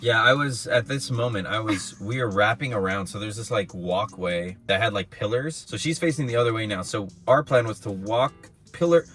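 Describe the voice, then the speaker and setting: Brief: young male vlogger, bright forceful voice, slangy and profane, animated storytelling. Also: fairly low pitch, faint music behind. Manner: animated, swears a lot, fast slangy. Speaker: vlog co-host. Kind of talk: casual storytelling.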